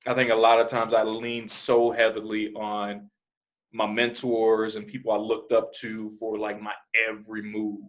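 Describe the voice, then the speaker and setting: A man from New Jersey who grew up in Arizona, a podcast guest talking in a relaxed, rambling way with many "you know" fillers. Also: lowish voice, normal speed, lo-fi sound. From born in New Jersey, raised in Arizona. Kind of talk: casual interview.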